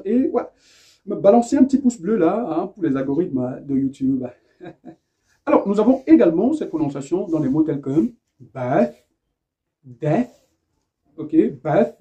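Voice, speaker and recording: Male English teacher, high-ish but very mellow voice, drawls out model words and repeats them, lo-fi sound. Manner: slow, drawn-out model words, repeated for practice; self-mocking, lightly humorous asides. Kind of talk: video lesson explaining in French with English examples. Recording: dull lo-fi sound.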